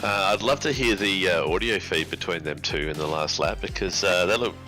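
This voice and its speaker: A man's voice: low-pitched, brisk, bright, forceful tone, soft background music, poor audio. An Australian man co-commentating a sim race, chatting casually and enthusiastically with lots of fillers. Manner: rambling, enthusiastic, full of fillers. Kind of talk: casual post-race chat.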